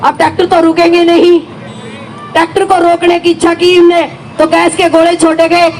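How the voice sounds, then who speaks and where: A woman's voice: extremely high pitch, level tone, normal speed, some chatter behind, slight background noise, poor audio. A middle-aged woman with a Haryanvi accent gives an emphatic first-person account of joining a protest, her voice rising at times. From Haryana, India. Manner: emphatic, rises to shouting when retelling. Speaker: farmer protest supporter.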